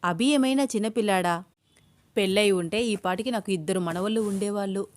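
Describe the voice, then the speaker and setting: A woman's voice: medium pitch, fairly quick, lightly acted. A woman reading as a kindly cheerful mother. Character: kindly middle-aged mother, cheerful and easygoing.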